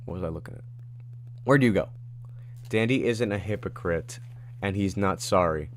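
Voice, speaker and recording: Casual streamer, male, slightly low voice; reads viewer questions aloud and answers off the cuff with asides. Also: normal speed, slight background noise. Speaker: livestreamer answering chat questions. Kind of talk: casual livestream Q&A. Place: at home in his room.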